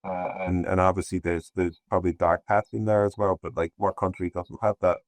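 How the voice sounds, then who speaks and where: A man's voice: low-pitched, level tone, fairly quick, no room sound. A man from Ireland, a podcast guest talking in a meandering, hesitant way with many restarts. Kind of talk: casual conversation.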